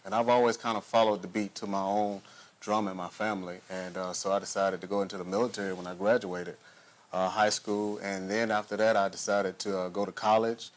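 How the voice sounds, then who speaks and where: A man in his forties from the southern US answers interview questions in an easygoing, measured way and pauses often. His voice sits on the low side. He sounds like a poet talking to a talk show host. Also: little pitch movement. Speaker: poet, guest.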